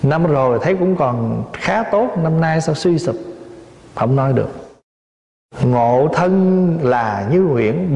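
A man's voice: mid-range voice, mellow. A man, a Buddhist monk, giving a dharma talk to a lay audience, telling simple stories, asking rhetorical questions and adding light humor. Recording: echoey hall, dull lo-fi sound.

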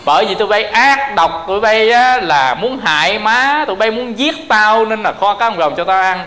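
A woman's voice: mid-range voice, lively intonation, moderate pace, a bit bright, echoey room, close to an everyday voice. A male preacher voicing a dying elderly Buddhist mother, scolding and lamenting her fate.

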